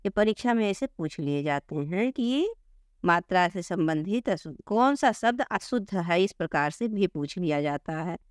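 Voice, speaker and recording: A woman's voice: lowish voice, lively intonation, normal speed, no echo, studio quality. A woman Hindi teacher giving a grammar lesson to school students, calling them children and repeating each word for emphasis. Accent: Hindi, north Indian.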